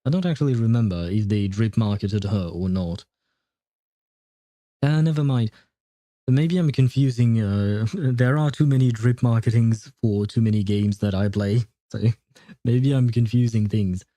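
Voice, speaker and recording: A man's voice: on the low side, measured pace, warm tone, dry recording. A man giving casual game commentary as a streamer, in an amused, hesitant, rambling way. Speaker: gaming streamer playing through a story.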